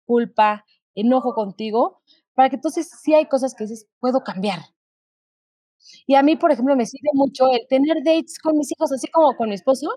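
A woman, co-hosting a podcast and talking candidly in a lively, conversational way. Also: a little high, dry recording, clean studio sound. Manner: candid, animated storytelling with quoted asides. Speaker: podcast co-host. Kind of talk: casual conversation.

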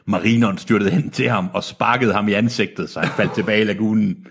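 A man's voice: fairly low pitch, fairly even intonation, vocal fry, husky. A man co-hosting a comedy podcast, reading a novel aloud and breaking off to mock it and trip over words. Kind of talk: comedic read-along, mocking the text.

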